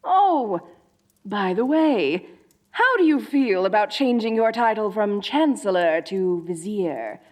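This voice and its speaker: For a comedic roleplay audio drama, a woman takes on the role of a dorky sorceress queen, theatrical, grandiose and gleefully evil but kind underneath and awkward in conversation. She speaks slowly and expressively at medium pitch, in a breezy mood.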